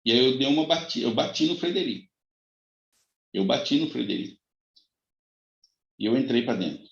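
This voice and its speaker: Pastor preaching dramatically. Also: male voice, mid-range voice, lively intonation, moderate pace, gravelly. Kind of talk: sermon testimony. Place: church. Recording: echoey, dull lo-fi church recording.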